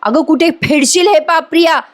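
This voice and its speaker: A woman's voice: very high-pitched, normal speed, pitched above the performer's own voice. A woman voicing an indignant young woman who scolds and throws someone out. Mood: furious. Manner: scolding, sharp. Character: indignant young daughter-in-law Sayali, scolding.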